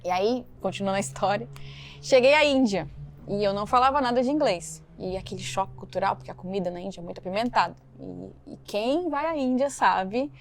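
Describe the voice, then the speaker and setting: A woman from Brazil, a missionary guest on a podcast, telling her story lively and acting out the dialogue. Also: medium pitch, fairly quick. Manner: animated storytelling, acts out quoted dialogue. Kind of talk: storytelling interview.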